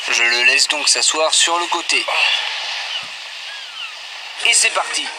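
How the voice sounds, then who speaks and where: A man's voice: on the high side, slow, very noisy. A man voicing a reality show host in a mock-serious announcer tone. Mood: announcing. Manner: announcer-like, solemn parody.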